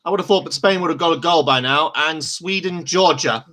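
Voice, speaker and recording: A man with a bright, forward voice gives casual live match commentary. He rambles and chats in a loose, informal way and laughs often. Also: on the high side, a little fast. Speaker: host reacting to a live football match.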